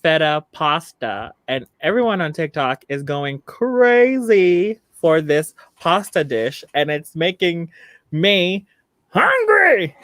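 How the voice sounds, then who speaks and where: Drag queen host, man, young adult, gushing, animated pitch, slow pace. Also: no echo. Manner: chatty, gushing, laughs often. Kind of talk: casual chat on a live show.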